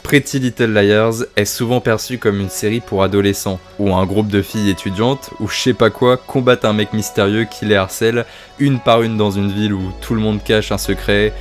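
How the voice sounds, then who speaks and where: Lowish-voiced man reviewing horror series. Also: fairly even intonation, normal speed, faint music behind. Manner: sweary, self-mocking, enthusiastic. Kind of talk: casual video review.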